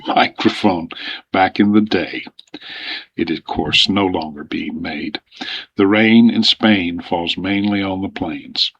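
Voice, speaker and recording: Speaking plainly into vintage desktop radio microphones recorded directly, an older man gives an informal, matter-of-fact demo as an amateur radio hobbyist presenter. His fairly low voice sounds pushed and bright, and the recording is dry and rough.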